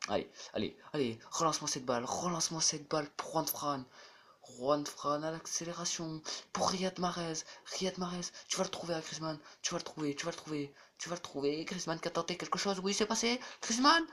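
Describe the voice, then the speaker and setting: Excitable young man calling his football game. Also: on the high side. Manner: excitable, repeats player names over and over, bursts into shouts. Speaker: gaming YouTuber. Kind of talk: casual let's-play commentary over a football video game.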